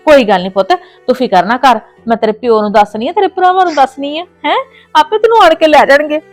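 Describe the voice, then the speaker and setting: In this family drama scene, a woman voices a mother on the phone, worried and fiercely protective, with a Punjabi accent; she comforts her daughter gently and turns indignant as she berates the in-laws. Her pitch is extremely high and her pace fairly quick, with no echo and soft music in the background.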